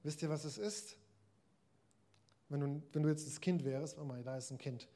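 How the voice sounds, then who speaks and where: A man's voice: fairly high pitch, normal speed, warm tone. A man preaching a sermon in a conversational way, addressing his listeners directly.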